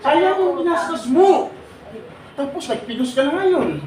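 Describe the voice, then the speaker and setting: Fast-talking joking man in echoey hall. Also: very high-pitched, very animated. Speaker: seminar speaker for departing workers. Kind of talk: lively seminar talk to a crowd. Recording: echoey noisy hall from far off. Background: loud room noise.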